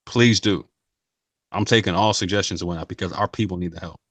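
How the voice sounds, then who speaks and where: A man's voice: low voice, brisk, dry recording. A man talking casually and earnestly to his viewers, using slang and often repeating and restarting his phrases. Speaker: channel host. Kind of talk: casual talk to camera.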